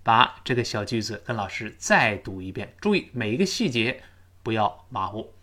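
Lively-voiced male English pronunciation teacher. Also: lowish voice. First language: Chinese. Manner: explains in detail, slows way down for model sentences. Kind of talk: spoken English lesson with repeat-after-me drills.

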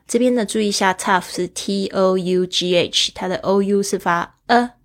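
A woman hosts a vocabulary lesson, walking through each word patiently and spelling it out letter by letter. Her voice sits a little low for a woman. She keeps a steady explaining tone throughout. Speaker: English teacher and podcast host.

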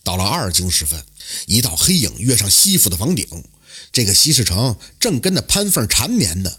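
Husky guy telling an old folk story, voice all over the place, dramatic. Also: lowish voice, moderate pace. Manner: lively, dramatic intonation. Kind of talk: traditional oral storytelling.

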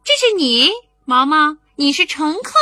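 A woman's voice: high-pitched, big pitch swings, measured pace, sharp tone, no room sound, clean studio sound, pitched above the performer's own voice, exaggerated voice. A woman voicing an eager, boastful little boy in a bedtime story.

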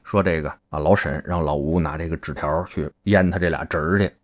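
A man, hosting a podcast and telling a story in a casual, animated, colloquial way. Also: very deep voice, fairly quick. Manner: animated, colloquial, acts out characters' lines. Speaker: podcast host.

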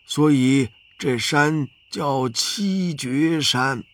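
A man's voice: medium pitch, fairly bright tone, dry recording. A man voicing a timid but proud old village elder who sighs and drags out his exclamations. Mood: explaining. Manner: sighing, drawn-out exclamations. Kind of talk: children's storybook narration.

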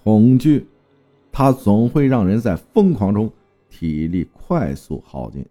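A man's voice: fairly low pitch, very animated, takes it slowly, dark tone, faint music behind. A man telling a first-person horror story with dramatic storytelling and terse spoken commands.

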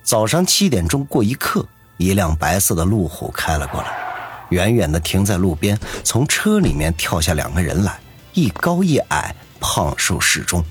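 A man narrating a serialized novel with expressive storytelling. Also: sits low, moderate pace, faint music behind. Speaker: audiobook narrator.

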